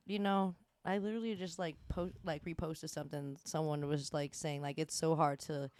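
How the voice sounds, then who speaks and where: A woman's voice: deep voice, fairly even intonation, normal speed, a little mellow. A woman co-hosting a podcast, joking and swearing freely in casual chat. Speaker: podcast co-host.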